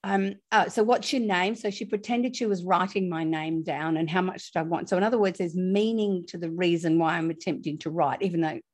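A woman, a guest expert telling a lively classroom anecdote and acting out the children's lines. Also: on the low side, brisk, few pauses. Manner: lively, acts out quoted voices. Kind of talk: casual anecdotal storytelling.

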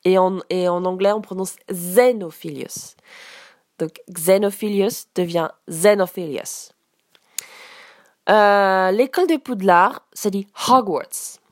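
A woman giving a casual spoken lesson as a teacher, explaining slowly with frequent hesitations. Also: mid-range voice, no echo, studio quality. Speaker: English teacher.

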